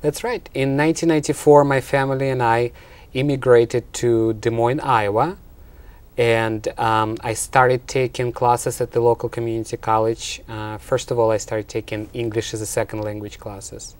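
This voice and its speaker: A college instructor from Russia and Ukraine answers interview questions in an explanatory way, speaking with a Russian accent. His mid-range voice shows little pitch movement, and he keeps a moderate pace.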